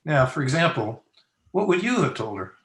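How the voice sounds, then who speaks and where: An actor playing a crusty, teasing frontier town doctor in an old-time Western radio play, with dry, folksy banter. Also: male voice, a little high, sing-song, moderate pace. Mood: wry, teasing. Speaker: actor in an amateur radio drama. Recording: roomy, echoey video-call recording.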